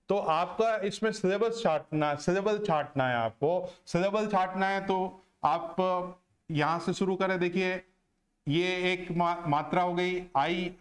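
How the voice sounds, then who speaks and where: A man teaching a lesson on word stress, slow and deliberate, who asks questions and answers them himself. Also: high voice. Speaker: English teacher.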